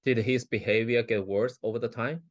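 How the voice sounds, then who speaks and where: A man in a mock hearing, asking formal questions in a measured way. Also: medium pitch, steady tone, dry recording.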